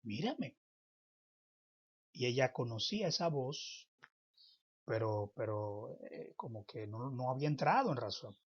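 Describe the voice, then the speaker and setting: A man teaching a Bible lesson in a preaching style, with emphatic, drawn-out phrasing and sudden loud stresses. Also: mid-range voice, expressive, breathy edge. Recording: dull lo-fi recording.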